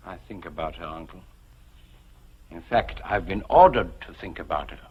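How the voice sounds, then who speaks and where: A brooding young lover in a 1950s television melodrama. He is earnest and tormented, with a lowish voice that moves dramatically up and down. The old soundtrack is dull. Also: expressive, normal speed, slightly rough, full character voice. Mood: weary.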